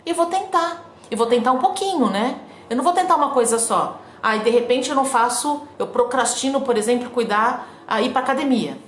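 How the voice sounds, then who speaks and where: A woman's voice: a little high, brisk, few pauses, roomy sound, slight background noise. A Brazilian woman giving an informal, earnest talk on forgiveness and self-acceptance from her bedroom, often asking the listener questions and acting out complaining voices. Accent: Brazilian Portuguese.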